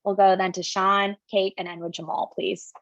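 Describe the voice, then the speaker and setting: Woman panel host, brisk and upbeat, dull dry call audio. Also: medium pitch, level tone, vocal fry, a bit bright, no room sound. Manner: upbeat, brisk, quick with short affirmations. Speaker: admissions officer, panel host. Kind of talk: moderating an online panel.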